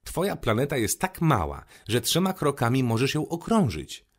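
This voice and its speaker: A man voicing a curious, gentle little boy prince who asks eager questions. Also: mid-range voice, huge pitch swings, moderate pace, voice pushed up.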